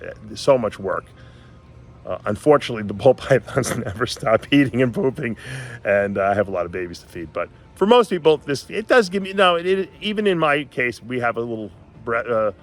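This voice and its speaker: A man's voice: mid-range voice, lively intonation, fairly quick. A man giving a casual, informal explainer as host of a reptile breeding vlog, talking directly to his viewers. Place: indoor snake breeding facility.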